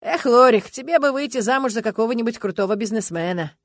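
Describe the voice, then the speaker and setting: In an audiobook, a woman reads as a drunk, swaggering police captain who pries and teases. The voice stays fairly high and lively, recorded dry and close. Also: quick pace, dry recording. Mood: drunk, prying. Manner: prying, slurring, swaggering. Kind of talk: audiobook character reading.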